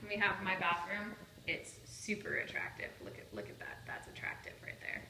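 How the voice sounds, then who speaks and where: With a lower voice and a very animated manner, a thirtysomething vlogger speaks at a moderate pace while showing off her empty new house indoors. Chatty and playful, she films on a handheld phone at arm's length, with echo and background noise.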